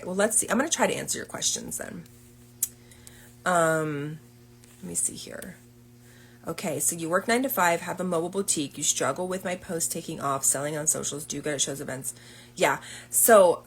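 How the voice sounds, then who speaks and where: A woman's voice: fairly low pitch, a bit bright, slight background noise. Chatty woman coach on a livestream. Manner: chatty, upbeat, lots of fillers. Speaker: boutique business coach. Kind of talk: casual livestream talk.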